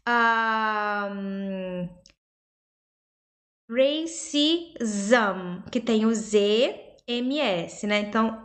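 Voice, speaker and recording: Slow-talking woman teaching pronunciation. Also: a little high, fairly bright tone. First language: Portuguese. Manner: explains step by step, repeats words slowly. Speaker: English teacher. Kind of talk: pronunciation lesson.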